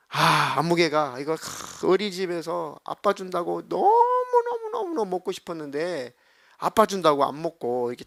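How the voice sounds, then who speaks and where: A man's voice: a little high, a bit bright, no echo, clean studio sound. A middle-aged man preaching a sermon as pastor, speaking conversationally and acting out prayers and quoted speech.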